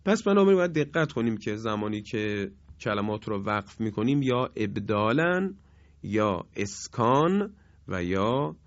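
A man teaching a Quran recitation lesson, drawing out each example word slowly in chant between plain explanations. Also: on the low side, sing-song, dry recording, lo-fi sound. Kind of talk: recorded tajweed lesson.

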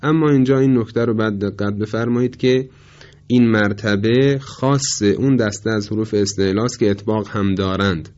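Male tajweed teacher, low voice, measured and polite, slow drawn-out examples, dull lo-fi recording. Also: steady tone, darkish tone. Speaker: Quran recitation teacher. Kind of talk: tajweed pronunciation lesson.

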